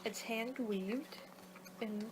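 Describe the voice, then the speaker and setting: A woman with a voice on the high side performs rambling ASMR against a noisy background, voicing a casual, somewhat exasperated female vampire, young for her kind, who guides a client. Soft-spoken and partly whispered, she halts and loses her train of thought.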